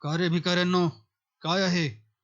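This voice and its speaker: A man's voice: high voice, little pitch movement, moderate pace, a bit bright, highs cut off. A man voicing a haughty male landlord who speaks with scornful command.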